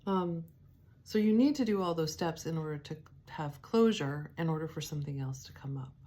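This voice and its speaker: A woman giving a spiritual teaching, speaking softly and reflectively, with pauses, fillers and restarts. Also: sits low, animated. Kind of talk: devotional teaching talk.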